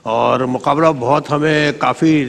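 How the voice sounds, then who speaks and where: A man's voice: on the high side, steady tone, vocal fry, in a large hall. Rambling, encouraging male judge. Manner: rambling, encouraging, addresses kids as "beta". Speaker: competition judge. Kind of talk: giving feedback to child contestants.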